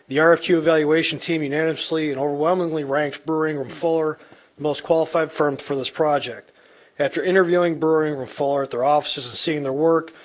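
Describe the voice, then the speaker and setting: Guy with a slightly higher voice reading a formal staff report at a town meeting. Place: public meeting room.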